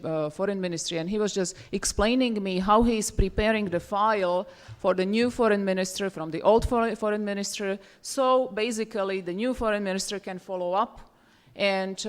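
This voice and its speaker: A woman from Czechoslovakia speaking English at a roundtable discussion, pausing often with fillers and restarting her sentences. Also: lowish voice. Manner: hesitant, many fillers and restarts. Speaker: roundtable panelist. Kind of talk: conference panel remarks. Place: university seminar room.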